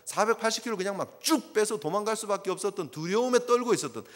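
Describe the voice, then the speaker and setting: A male pastor preaching a sermon in a church, swinging between hushed, low passages and loud, emphatic ones. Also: animated, fast. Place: church sanctuary. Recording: long reverb of a church sanctuary.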